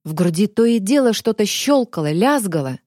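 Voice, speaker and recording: A woman's voice: mid-range voice, expressive, normal speed, darkish tone, no room sound, studio quality. A woman reading an audiobook with vivid, dramatic scripted narration.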